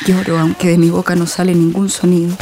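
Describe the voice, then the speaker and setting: A woman's voice: lowish voice, level tone, fairly quick, noisy background, natural voice. An actress voicing a desperate young mother fleeing with her baby, narrating in first person for an audio drama in a breathless, grieving manner.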